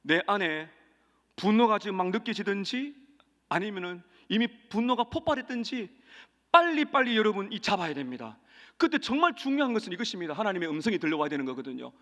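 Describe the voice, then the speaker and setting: A man pastor preaching a sermon in a church sanctuary, speaking emphatically and swelling to loud peaks as he leads the congregation in repeating verses. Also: sits high, sing-song, fairly quick. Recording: reverberant church hall.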